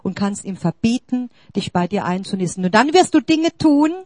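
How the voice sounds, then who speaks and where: A woman's voice: mid-range voice, expressive, normal speed, darkish tone, no echo. A woman preaching a sermon, emphatic, questioning the congregation directly and rising to exclamations.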